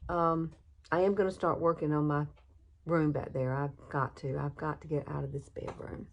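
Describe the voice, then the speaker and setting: Her voice is low-pitched with little pitch movement, at a normal speed, and there's slight background noise. She's a Southern US beauty vlogger in her sixties, recording a makeup tutorial in her bedroom on just a phone camera, chatting folksily and laughing a lot.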